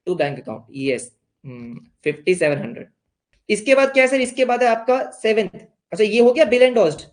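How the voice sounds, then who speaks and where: A young man with an Indian accent teaching an accounts lesson, playfully asking questions and answering them himself as a student would. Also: fairly high pitch. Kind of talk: online class lesson.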